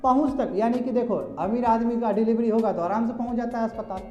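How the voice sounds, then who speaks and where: A man's voice: extremely high pitch, fairly even intonation, fast, darkish tone, faint music behind. A man lecturing a class, chatty, calling on students directly and mixing in English terms. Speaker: teacher. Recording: echoey classroom, slightly dull.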